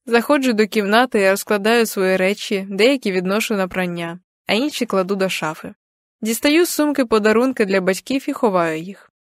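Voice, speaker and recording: A young adult woman narrating an audiobook in the first person, with even, gentle storytelling. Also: medium pitch, a little fast, no echo, studio quality.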